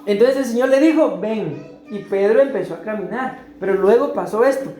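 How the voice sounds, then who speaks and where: A woman with a Costa Rican Spanish accent preaching a sermon, explaining slowly and asking the congregation questions. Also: on the high side, mellow, roomy sound, soft background music. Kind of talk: sermon teaching.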